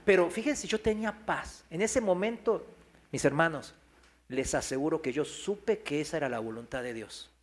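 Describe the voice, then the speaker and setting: A man's voice: a little high, lively intonation, moderate pace. A man, a pastor giving a sermon testimony, telling a story and acting out the people he quotes while asking the congregation questions. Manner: storytelling, acts out quoted voices, asks the congregation. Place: church hall.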